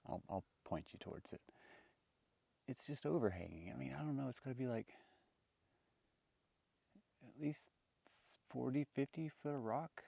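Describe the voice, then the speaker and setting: A man's voice: medium pitch, moderate pace, gravelly, long pauses, dark tone, husky, dry recording. A man chatting casually while filming his hike outdoors in a desert canyon on a handheld camera, a bit winded from climbing. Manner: chatty, wandering, folksy. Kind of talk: casual vlog narration.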